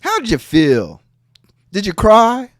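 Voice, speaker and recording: A man's voice: sits high, wildly swooping pitch, slow pace, dry recording, clean studio sound. A man hosting a podcast, giving heated casual commentary in a profane, mocking way. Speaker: podcast host.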